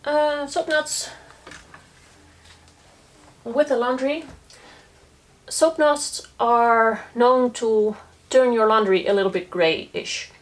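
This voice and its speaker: Sitting on the floor of a small indoor laundry corner, a young eco-living vlogger runs a laundry test on camera. She checks each item in a matter-of-fact way, thinking aloud casually. Her fairly high voice moves slowly and pauses often.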